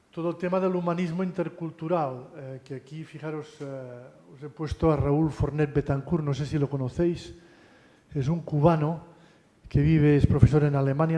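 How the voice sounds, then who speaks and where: A man giving a university lecture in a relaxed, conversational way, often adding tag questions and restarting phrases. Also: fairly high pitch. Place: lecture hall. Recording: long hall reverb.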